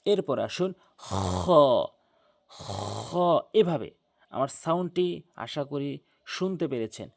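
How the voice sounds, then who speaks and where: Slow, patient Quran pronunciation teacher man. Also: a little high, creaky. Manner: drawn-out letter sounds, repeats each step patiently. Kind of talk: slow instructional pronunciation lesson.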